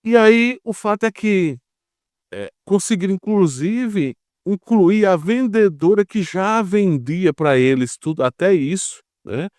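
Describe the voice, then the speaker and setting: This Brazilian geopolitics commentator's voice sits high with a darkish tone, animated yet a little slow, captured as a dry, studio-quality recording. Speaking Brazilian Portuguese, he gives conversational, informal explanations, often with rhetorical questions and brief check-in tags.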